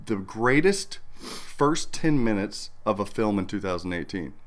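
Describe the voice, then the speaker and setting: A man's voice: on the low side, expressive, a little slow. A man co-hosting a pinball show, chatting casually and joking with his co-host. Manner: joking, playful banter. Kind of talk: casual chat.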